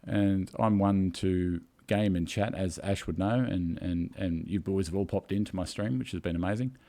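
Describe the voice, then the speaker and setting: Man, emotional storyteller, tearful, low-pitched. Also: normal speed, dark tone. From Australia. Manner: emotional storytelling, rambling with fillers. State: tearing up. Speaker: co-host. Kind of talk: casual video chat.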